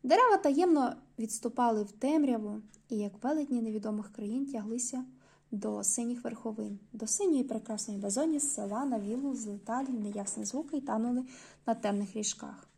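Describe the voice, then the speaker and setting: A woman reading literary prose aloud at an unhurried pace, lifting her voice for the dialogue. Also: a little high, darkish tone, breathy edge. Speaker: audiobook reader.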